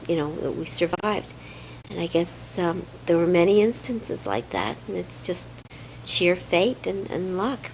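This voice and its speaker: An older woman from Romania, recalling her childhood in a hesitant, reflective home interview with many pauses and fillers. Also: extremely low pitch, slight background noise, rough recording. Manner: hesitant, many fillers, soft trailing words.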